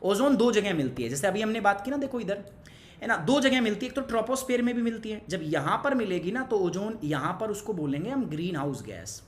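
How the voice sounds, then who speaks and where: A young man with a high-pitched, very animated voice teaches an online exam-prep class at a brisk pace, in a roomy-sounding space. He's chatty and pushy, mixes Hindi with English, quizzes the class as he goes, and drops motivational asides to students.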